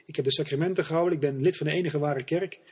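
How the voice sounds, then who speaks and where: A man's voice: fairly high pitch, fairly even intonation, racing, a little mellow, husky. A man voicing a proud male archbishop who insists everyone knows him, in a sermon parable. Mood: indignant. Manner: indignant, self-assured.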